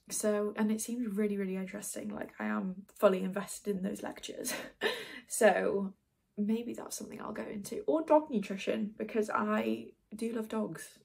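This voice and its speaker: A twenty-year-old beauty vlogger rambles through a casual get-ready-with-me chat, full of fillers, as she does her makeup in a small, dim bedroom. Her mid-range voice is gravelly, darkish and slightly rough.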